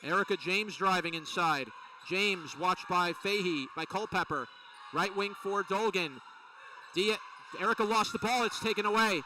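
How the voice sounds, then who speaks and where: A man calling a college women's basketball game play by play, with rapid, excited calls of each play. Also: high voice. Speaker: play-by-play announcer. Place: college gym. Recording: distant mic with faint gym noise.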